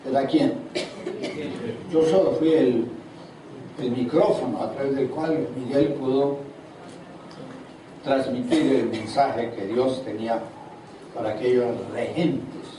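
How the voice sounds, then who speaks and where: Speaking slowly with long pauses, an older man with a mellow, mid-range voice and fairly even intonation delivers a sermon at a church seminar, asking the audience questions. The sound is distant and echoey in a large hall, with audible noise.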